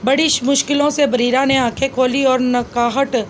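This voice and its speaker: A woman storyteller narrating a scripted story in a steady, dramatic way. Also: sits high, moderate pace, a little hiss or hum.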